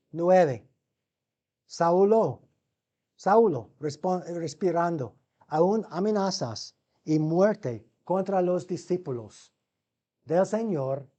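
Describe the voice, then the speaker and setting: Slow, mellow male seminary lecturer. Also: high voice. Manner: asks the class rhetorical questions; addresses listeners as brothers.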